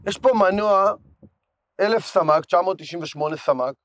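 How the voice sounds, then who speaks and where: A hoarse man talking with animated enthusiasm in a casual chat. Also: high voice, dry recording.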